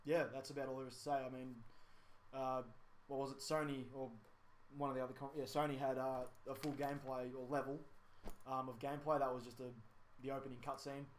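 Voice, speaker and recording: A man's voice: medium pitch, little pitch movement, brisk, slight background noise. A young man co-hosting a gaming podcast in casual chat, rambling with plenty of ums and self-corrections.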